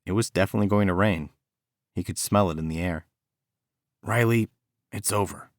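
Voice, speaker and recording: A man narrating an audiobook in a measured storytelling manner, recorded on a studio mic. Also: low voice, fairly even intonation, dry recording. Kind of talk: scripted narration.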